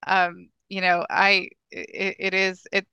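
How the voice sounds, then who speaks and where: A woman's voice: mid-range voice, monotone, slow pace, pushed and bright, smooth, no echo, dull audio. A woman from Ethiopia with a mixed Ethiopian and Midwestern accent, a native Amharic speaker, answering podcast interview questions earnestly with many restarts. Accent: mixed Ethiopian and Midwestern American. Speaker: guest, government technology official.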